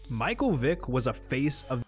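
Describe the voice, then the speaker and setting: A man's voice: medium pitch, sing-song, unhurried. Male narrator over instrumental music. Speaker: documentary-style video narrator. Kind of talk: scripted storytelling narration.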